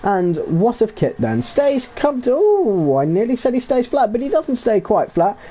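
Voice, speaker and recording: A man giving live commentary on a sim racing league race, excitable and jokey, with rambling asides between the action. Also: extremely high pitch, moderate pace.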